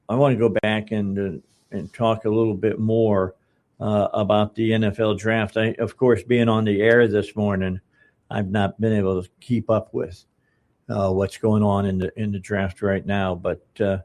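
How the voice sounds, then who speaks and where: An older man in his seventies hosts a casual radio talk show from the studio. His voice sits a bit low, and he rambles along, stopping and restarting his sentences and chuckling between thoughts. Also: a little mellow. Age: 70s. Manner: rambling, halting, many uh's and restarts, chuckles often.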